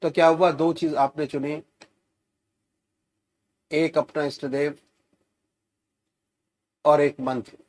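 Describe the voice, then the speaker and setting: A man giving gentle, soothing guided meditation instructions as a spiritual teacher. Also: a little high, fairly even intonation. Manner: slow, gentle, soothing guidance with rising emphasis.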